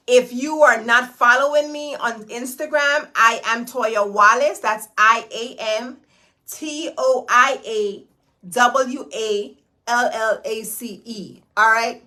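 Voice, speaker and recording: A woman with a fairly high, pushed, bright voice hosts a casual livestream on her phone camera. She greets viewers by name and repeats herself in a chatty, hyped-up way.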